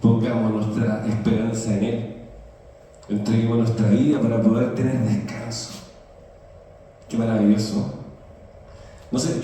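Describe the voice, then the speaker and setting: Pastor preaching in an echoey hall. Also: male voice, medium pitch, dark tone, a little hiss or hum. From Chile. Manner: asks the congregation for responses. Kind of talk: sermon. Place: large church hall. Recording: echoey church hall from far off.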